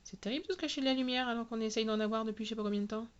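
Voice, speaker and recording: A woman talking casually through a product unboxing, spelling out each product name slowly and clearly. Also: fairly high pitch, lo-fi sound. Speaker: nail product reviewer.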